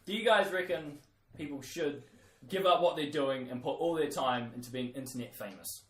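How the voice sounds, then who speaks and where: Joking New Zealand podcast host, roomy. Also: male voice, a little high, moderate pace, a bit bright, far from the mic. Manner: jokey, loose, self-mocking. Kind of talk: casual banter, leading segments. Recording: roomy, off-mic.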